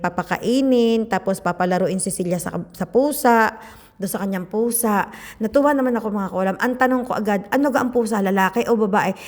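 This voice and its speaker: A middle-aged Filipino woman, a little hoarse from a cold, chatting and gossiping to viewers while eating on her food vlog. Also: mid-range voice, darkish tone, big-room sound. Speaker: food vlogger. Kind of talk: casual eating vlog chat.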